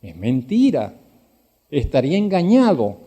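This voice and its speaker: A man preaching a sermon, asking direct questions of his listeners and building from quiet reflection to loud, emphatic exhortation. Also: fairly high pitch, huge pitch swings, measured pace, slightly rough. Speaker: pastor.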